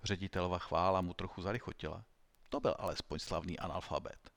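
A man narrating an audiobook story in a wry, even storytelling manner. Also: low voice, vocal fry, no room sound. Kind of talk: audiobook reading.

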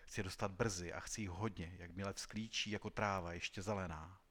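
A man voicing an ancient, grim male spirit of death who hungers for young lives, speaking low and quiet. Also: fairly even intonation. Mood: brooding.

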